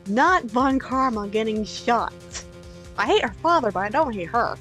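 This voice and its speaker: A woman's voice: on the high side, lively intonation, normal speed, a bit bright, faint music behind. A woman gamer giving casual, candid, joking commentary as she reads through a story game.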